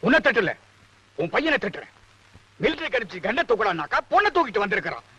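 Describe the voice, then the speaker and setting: A middle-aged actor playing a strict, blustering army-major father who barks gruff English curses. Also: high voice, sing-song, quick pace, sharp tone, heavily acted, poor audio. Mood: stern.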